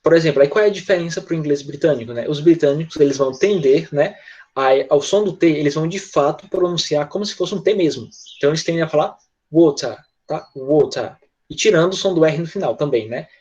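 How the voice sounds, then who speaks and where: A male English teacher explains pronunciation in an online class, patiently checking in with quick tag questions. His voice is fairly high with a darkish tone, and the audio sounds dull.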